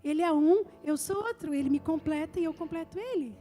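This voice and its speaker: During a live church service, a woman pastor delivers an emphatic sermon, building her points through repeated phrases. Her voice is high, mellow and fairly quick.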